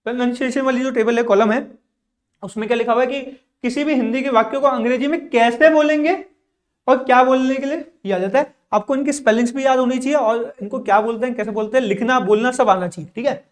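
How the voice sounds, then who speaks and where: A man's voice: very high-pitched, fast. Man drilling English words in class. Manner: asks questions and answers them himself, repeating words; drills and repeats with frequent "theek hai". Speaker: English teacher. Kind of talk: classroom lesson in Hindi.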